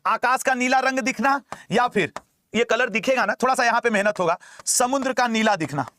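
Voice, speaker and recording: A man's voice: very high voice, fairly quick, pushed and bright, a little hiss or hum. A man teaching an exam-prep class in a teasing, chatty way, repeating key terms, with a regional lilt.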